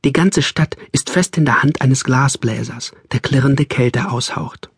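Husky male audiobook narrator. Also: mid-range voice, measured pace, dry recording, clean studio sound. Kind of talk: scripted narration.

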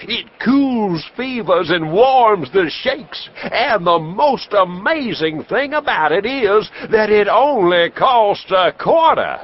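A man voicing a bombastic, folksy traveling medicine-show pitchman in an audiobook, hard-selling to a crowd in a declamatory way. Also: sing-song, slow, hardly any pauses, muffled recording, full character voice. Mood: booming, urging. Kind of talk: audiobook character acting.

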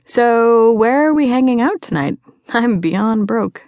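A woman's voice: fairly high pitch, lively intonation, takes it slowly, no room sound, muffled recording, voice pushed up. Woman doing a wry teenage girl, a bit raised. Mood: bored. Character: wry teenage girl photographer, the friend Dolores. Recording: dry studio.

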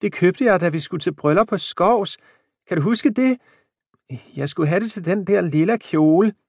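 A man's voice: on the high side, a little mellow, no room sound, studio quality, voice pushed up. A man voicing an older, kindly wife, in a raised and pleading voice in an audiobook. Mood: eager. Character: kind fussing older wife Jane.

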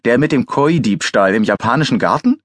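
A man's voice: mid-range voice, lively intonation, fairly quick, a bit bright, dry recording, clean studio sound, pitched above the performer's own voice, lightly acted. A man voicing a teasing, jovial male forensic pathologist who needles his grumpy friend in an audiobook. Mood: mocking glee. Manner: gleeful, needling, mock-exasperated.

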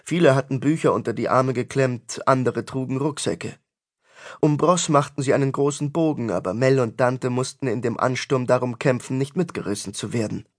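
A man narrating a fantasy audiobook in a measured, dramatic storytelling manner. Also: mid-range voice.

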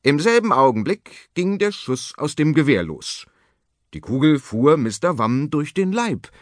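Lively male storybook narrator. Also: a little high, unhurried, no room sound. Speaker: audiobook narrator. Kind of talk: scripted children's story narration. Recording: dry studio audiobook.

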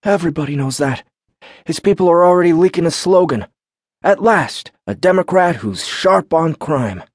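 A man's voice: on the high side, expressive, moderate pace, no room sound, voice pushed up. A male narrator voicing a tired young male reporter with a wry, dry humor.

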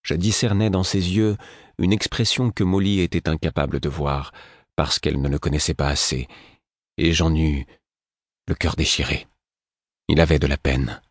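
A man narrating a fantasy novel in the first person, measured and even, recorded close in a studio. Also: very deep voice, no echo. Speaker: audiobook narrator.

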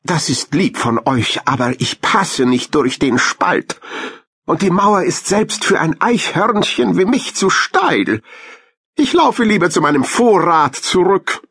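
A man's voice: high-pitched, big pitch swings, slow, a bit bright, slightly rough, pitched above the performer's own voice, exaggerated voice. A man voicing a kind, cheerful female squirrel in a children's audiobook. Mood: friendly. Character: friendly helpful female squirrel.

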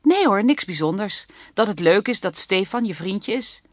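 A woman reading an audiobook, voicing a caring young mother who talks to her daughter in a gentle, practical way. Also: medium pitch, animated, normal speed, no room sound, studio quality, lightly acted. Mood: reassuring.

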